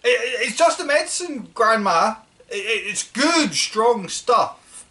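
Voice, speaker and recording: A woman's voice: a little high, expressive, a little slow, shouting, heavy background noise, voice pushed up. A woman voicing a nervous young boy who stammers over his words.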